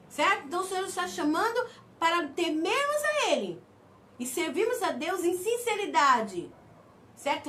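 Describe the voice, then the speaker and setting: Woman pastor, very high animated voice, emphatic sermon delivery, slightly distant mic with faint noise. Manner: preaching with slow emphatic stresses and calls of amen.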